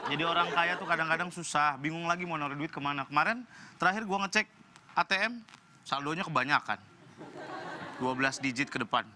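A man's voice: on the high side, a little fast, background noise, close to an everyday voice. A man acting a boastful, falsely humble young bank manager in a comedy sketch. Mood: smug. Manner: smug, bragging, mock-modest. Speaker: comic actor.

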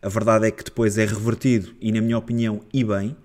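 A man's voice: on the low side, quick pace. Exasperated Portuguese man dissecting refereeing. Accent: European Portuguese. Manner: animated, gets heated and exasperated, many restarts. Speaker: co-host of a football club podcast. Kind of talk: casual football analysis chat.

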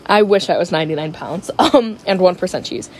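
A woman co-hosting a casual home podcast, talking in a relaxed, easygoing way. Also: on the low side, brisk, noisy background. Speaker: podcast co-host. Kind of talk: casual chat. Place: home, indoors.

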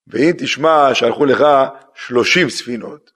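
A man's voice: mid-range voice, husky. A man, a rabbi, giving a sermon that tells a story through acted-out dialogue and questions to the listeners. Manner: acts out dialogue in a story, lively questions to the audience.

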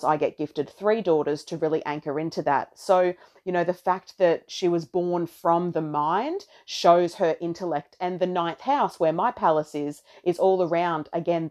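Woman with a lowish voice, chatting spiritually. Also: darkish tone. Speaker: astrology podcaster and content creator. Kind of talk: casual spiritual monologue to followers. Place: bedroom, sitting on a bed.

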